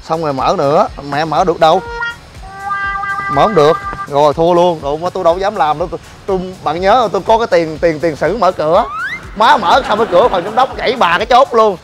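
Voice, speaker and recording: Man, high-pitched voice, slangy joking vlogger, exasperated, faint music underneath. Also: fairly quick. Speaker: vlogger and gym owner. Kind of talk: casual complaining vlog. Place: outdoors by a car at a gym.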